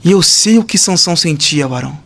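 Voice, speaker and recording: A Brazilian man, a pastor, telling a testimony in an excitable, animated way, with shouts and sound effects. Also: a little high, brisk, creaky. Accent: Brazilian Portuguese. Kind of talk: animated testimony in casual chat.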